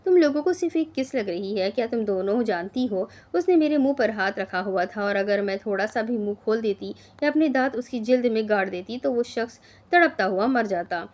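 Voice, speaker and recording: A woman's voice: a little high, expressive, a little fast, few pauses, darkish tone, natural voice. A woman reading as a fiery young woman. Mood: indignant. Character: hot-tempered young woman, quick to flare up.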